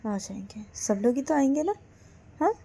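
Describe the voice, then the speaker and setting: Woman doing a middle-aged mother in a storybook tale, gentle, soft, soothing. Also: high-pitched, lively intonation, moderate pace, creaky, husky, pitched above the performer's own voice, heavily acted.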